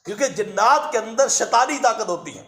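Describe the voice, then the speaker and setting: A man's voice: high-pitched, animated, sharp tone. A man preaching a sermon, retelling a story with emphatic repetitions. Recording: echoey room.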